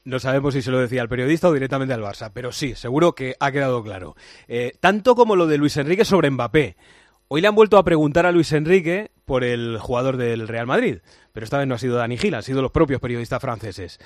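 A man with a Spanish accent hosting a night sports radio show, reading the day's football news with brisk, wry delivery into a studio microphone. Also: mid-range voice, lively intonation, dry recording. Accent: Spanish (Spain). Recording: dry studio sound.

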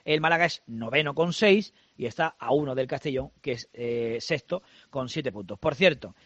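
Brisk radio sports host, a man. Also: mid-range voice, expressive, fairly bright tone, no room sound, muffled recording. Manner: brisk, conversational, reads fixtures. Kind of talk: live sports radio chat.

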